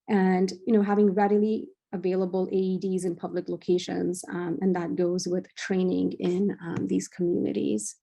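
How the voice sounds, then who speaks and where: Gravelly-voiced woman presenting research. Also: lowish voice, dark tone. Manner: measured, frequent "um" fillers. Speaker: cardiology fellow presenting at journal club. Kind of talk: academic presentation.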